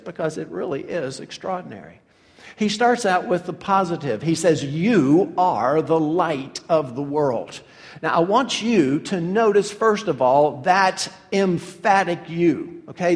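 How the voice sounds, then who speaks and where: A man's voice: high-pitched, long reverb tail. A man preaching a sermon, emphatic and teaching in tone, with some hesitant fillers.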